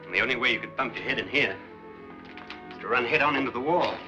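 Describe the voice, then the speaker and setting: Guy playing probing man in old 50s horror movie, mid-pitched, measured, authoritative. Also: music in the background, lightly acted. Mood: skeptical. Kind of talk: 1950s film acting.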